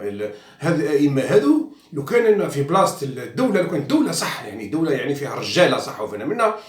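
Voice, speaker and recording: An Algerian man talks quickly and bluntly, mocking as he goes and mixing French into his Arabic. His voice sits a little high. He is heard from some distance off the mic, in a room that echoes. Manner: outspoken and mocking, mixing in French, many fillers and restarts. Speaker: journalist commentator. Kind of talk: casual monologue.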